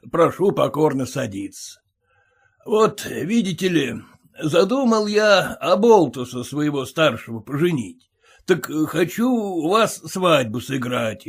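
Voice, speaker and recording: A man voicing a domineering, boastful middle-aged merchant who speaks with deliberate gruffness. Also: a little high, animated, full character voice.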